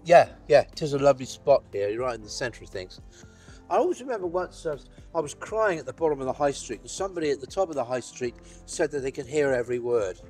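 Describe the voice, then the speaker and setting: A man's voice: medium pitch, animated, quick pace, darkish tone, breathy edge, soft background music. A man, chatting reflectively and a little hesitantly outdoors as he shows someone around a town. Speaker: town crier giving an interview. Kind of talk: casual walking chat. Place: outdoors on a town high street.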